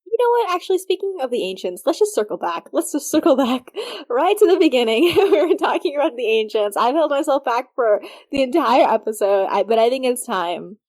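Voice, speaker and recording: Woman podcast co-host, fairly high voice, casual ranting and swearing. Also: very animated, brisk, a little mellow. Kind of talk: casual fan chat.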